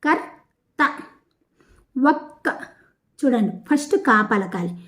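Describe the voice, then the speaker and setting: Slightly high-voiced woman teaching Telugu. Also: expressive, darkish tone. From Telugu-speaking south India. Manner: slow, deliberate, repeating words and syllables for pupils. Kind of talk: classroom lesson explaining a textbook exercise.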